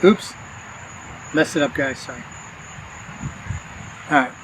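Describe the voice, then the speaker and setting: A man hosting a paranormal vlog, speaking in a hushed, coaxing way as he addresses spirits in a cemetery at night. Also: medium pitch, takes it slowly, a little hiss or hum, rough recording. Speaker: paranormal investigator host. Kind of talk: casual vlog narration.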